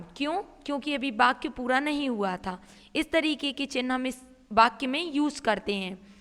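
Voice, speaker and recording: A woman's voice: high-pitched, fairly bright tone, in a large hall. A woman teacher explaining a grammar lesson step by step, reading a line and then paraphrasing it.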